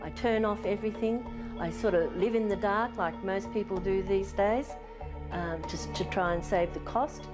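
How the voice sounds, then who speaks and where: A woman's voice: medium pitch, normal speed, a crowd in the background. A woman in her sixties with an Australian accent, speaking plainly and with worry in an unscripted interview. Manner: worried, plain-spoken complaining. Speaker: retired nurse being interviewed. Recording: music under the voice.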